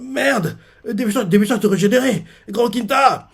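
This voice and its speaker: A man voicing a panicking young male manga hero who shouts in a high voice. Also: animated, brisk, breathy edge, exaggerated voice. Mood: panicked.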